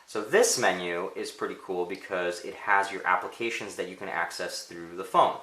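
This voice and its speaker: A native Polish-speaking man with a deep, sharp-toned voice reviews a product casually and unscripted, thinking aloud at a moderate, conversational pace. The indoor space is roomy and echoing.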